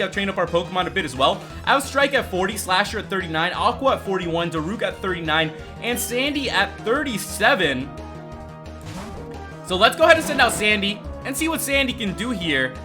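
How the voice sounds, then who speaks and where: A young man from El Salvador giving upbeat, chatty gameplay commentary, talking straight to his viewers. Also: high-pitched. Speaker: let's play host. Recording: music playing behind the voice.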